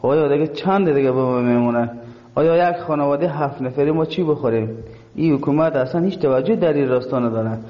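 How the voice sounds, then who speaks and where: A man with an Afghan accent, a caller making an aggrieved, emphatic spoken complaint. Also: a little high. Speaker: radio caller, teacher. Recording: dull sound with long reverb.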